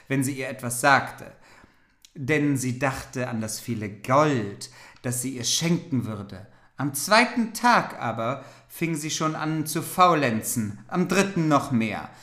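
A podcast co-host reads an old fairy tale aloud at a mid pitch and sometimes trips over old-fashioned words. The room has a roomy echo. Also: expressive, unhurried, a bit bright. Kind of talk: fairytale reading with banter.

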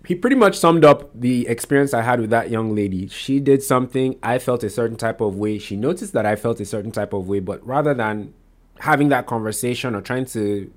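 A man's voice: medium pitch, brisk. A man hosting a solo podcast, talking casually and rambling, often restarting and correcting himself with lots of fillers. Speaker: podcast host.

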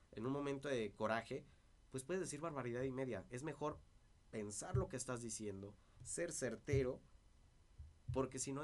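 Dry-voiced man. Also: mid-range voice. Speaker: interview guest, party politician. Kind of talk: casual interview conversation.

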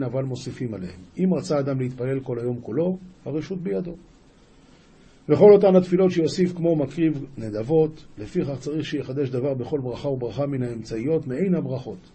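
A man's voice: mid-range voice, mellow, slight background noise. A male rabbi teaching a daily lesson, reading an old religious passage aloud and explaining it phrase by phrase, often restarting words as he goes. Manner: reads an ancient passage aloud, then explains each phrase; frequent restarts and self-corrections.

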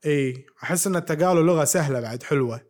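A man's voice: fairly high pitch, very fast, darkish tone. A man chatting as a podcast co-host, playful and quizzing his friend. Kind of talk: casual chat.

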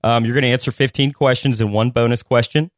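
An upbeat, joking quiz host reads out trivia questions. The voice sits at a middle pitch in a dry, close sound. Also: fairly even intonation, fast talker, no room sound. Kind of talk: casual hosting, reading quiz questions.

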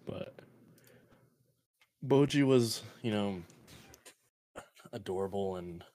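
A man's voice: on the low side, slow pace, mellow. A man co-hosting a podcast, chatting in a laid-back, sleepy way. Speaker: podcast co-host. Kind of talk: casual chat.

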